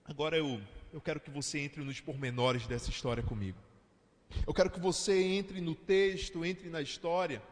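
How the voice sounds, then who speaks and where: A man's voice: high voice, long reverb tail. A man with a Brazilian Portuguese accent, preaching a sermon as pastor in a conversational way, speaking straight to his listeners.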